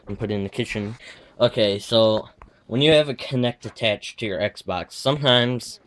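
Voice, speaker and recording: A teenage boy with a slightly lispy voice from his retainer, giving an offhand, wandering tour of his bedroom gaming setup on a handheld camera. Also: lowish voice. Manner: offhand, wandering, self-correcting asides. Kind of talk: casual rambling room tour.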